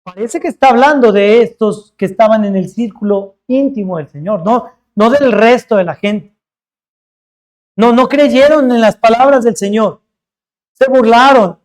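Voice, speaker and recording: High-voiced pastor preaching earnestly. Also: male voice. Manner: earnest, emphatic, slows on key words. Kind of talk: sermon.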